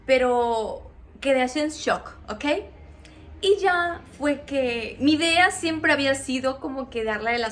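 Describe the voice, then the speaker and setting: A woman with a Mexican accent speaks in a high voice, unhurried and drawn out. She tells a personal story to her viewers in a chatty, animated way. She keeps checking in with them as she goes. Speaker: vlogger. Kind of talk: casual storytime.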